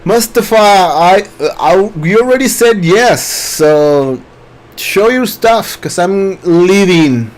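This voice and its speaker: Male webinar host, slightly high voice, slow and loose, casual Q&A from a home desk mic. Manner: relaxed, reads chat questions aloud, many fillers. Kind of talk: casual live-stream Q&A.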